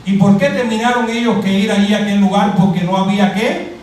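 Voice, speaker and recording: Speaking briskly in a high voice, a middle-aged Cuban pastor with a Cuban Spanish accent keeps his sermon lively by questioning and joking with the congregation. The church hall sounds very echoey, the mic is distant, and there's slight background noise.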